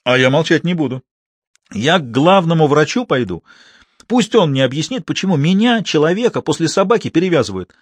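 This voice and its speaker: A man's voice: a little high, very animated, a little fast, no room sound, voice pushed up. A man reading aloud, voicing an indignant, quarrelsome drunkard patient in a hospital. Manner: demanding, quarrelsome.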